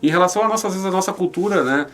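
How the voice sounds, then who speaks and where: A man's voice: sits high, very fast, fairly bright tone, soft background music. A man with a southern Brazilian accent from Rio Grande do Sul, answering conversationally as an interview guest, repeating words and often seeking agreement with little tags. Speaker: interview guest, regional newspaper representative.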